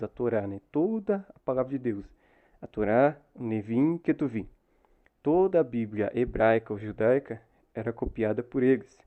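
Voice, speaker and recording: A church Bible teacher with a Brazilian Portuguese accent patiently explains a lesson to new converts, ending many phrases with a questioning "né?" His mid-range voice comes through narrow and tinny.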